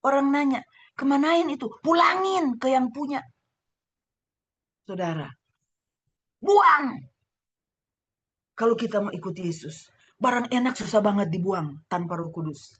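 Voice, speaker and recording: A middle-aged woman pastor from Manado with a Manado Indonesian accent, preaching a sermon over a video call, fervent and swinging between loud exclaiming and hushed asides. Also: on the high side, animated, a little fast, husky, highs cut off. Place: home room, husband preaching next door.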